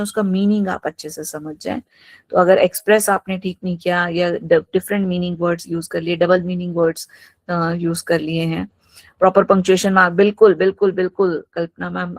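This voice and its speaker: A woman's voice: fairly low pitch, no room sound. A woman teacher giving an online class lecture, explaining each term through worked examples, mixing in English terms and often saying "absolutely". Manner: mixes English terms into her talk.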